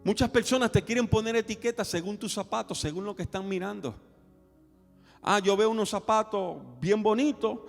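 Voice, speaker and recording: In a reverberant hall with faint music, a male pastor preaches at a normal speed, telling animated stories and questioning his congregation. His voice is high with some vocal fry.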